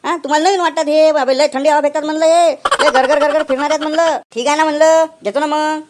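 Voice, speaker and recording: A brash cartoon cooler seller who talks up his wares loudly, played by a woman. He speaks in a Vidarbha Marathi accent, high-pitched and rattling along fast. Full of pushy village sales talk. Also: fairly even intonation, slight background noise, close to an everyday voice. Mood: boasting. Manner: loud, brash sales patter. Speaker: voice actor. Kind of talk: cartoon comedy voice acting.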